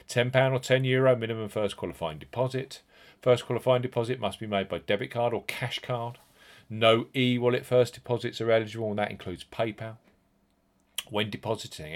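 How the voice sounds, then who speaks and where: A podcast host with a lowish voice reads scripted promotional narration, using an emphatic sales delivery and stressing key words.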